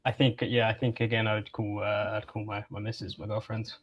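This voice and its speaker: A man's voice: lowish voice, little pitch movement, a little fast, slightly rough, dull audio. A young man from England talks casually on a video call. He hesitates often, restarting sentences. Faint music plays behind him. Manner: hesitant, many fillers and restarts. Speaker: guest. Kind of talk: casual interview conversation.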